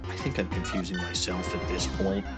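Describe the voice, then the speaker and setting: A man streaming through a voice changer that shifts his voice deeper, rambling in a playful mock-pirate way full of "aye" and "lad". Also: little pitch movement, brisk, over loud music. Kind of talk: rambling livestream commentary.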